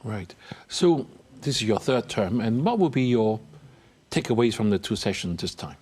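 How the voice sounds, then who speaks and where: A man's voice: on the low side, big pitch swings, normal speed, darkish tone, slightly rough. A man hosting a TV news interview, reading a scripted introduction and then asking questions with some hesitant fillers. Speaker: TV interview host.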